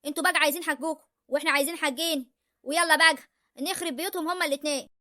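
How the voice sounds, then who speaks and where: A woman playing a sharp-tongued rural mother of the brides in a comic village sketch, with a rural Egyptian accent, scolding and arguing. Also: high-pitched, fairly even intonation, dry recording, clean studio sound. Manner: scolding, argumentative, fast.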